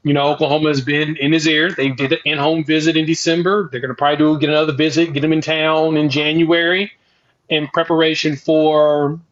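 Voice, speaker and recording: Male podcast guest, higher voice, confident, somewhat lo-fi sound. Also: little pitch movement, a little fast. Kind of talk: casual sports chat.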